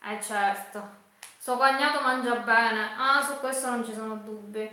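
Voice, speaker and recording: A woman chatting casually with livestream viewers, haltingly and with repeated phrases. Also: a little high, steady tone, bright, forceful tone. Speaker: cooking livestream host. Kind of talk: casual live chat with viewers. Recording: very echoey room.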